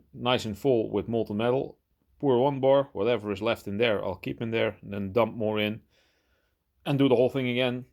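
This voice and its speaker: A man's voice: medium pitch, darkish tone. A man giving casual, unscripted commentary on his hobby work, with understated asides to himself. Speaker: hobby metal-casting video maker.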